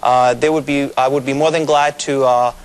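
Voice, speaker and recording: Interviewed as a guest in a TV studio, a Mexican pastor in his thirties with Spanish as his first language explains things steadily, leaning on plenty of fillers. His medium-pitched voice is clear and resonant with fairly even intonation, though the audio is poor.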